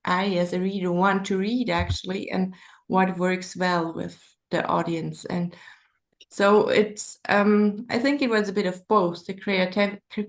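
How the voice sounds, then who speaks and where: A woman's voice: fairly low pitch, fairly even intonation, moderate pace. A woman from Switzerland with a Swiss German accent, an author thinking aloud hesitantly in a conversational interview.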